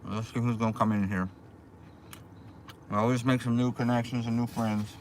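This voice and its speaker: A man hosting a casual livestream from inside a car, rambling through unhurried small talk with viewers. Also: medium pitch, flat delivery, darkish tone. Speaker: livestream host, small YouTube channel. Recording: clear background noise, car ambience.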